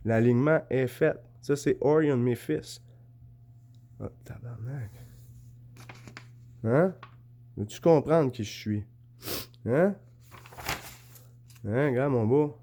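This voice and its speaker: Speaking slowly with long pauses, this Québécois French-accented vlogger holds up his notes and drawings while talking casually to camera. His mid-range voice is mellow, and he keeps pressing to know if he's being understood.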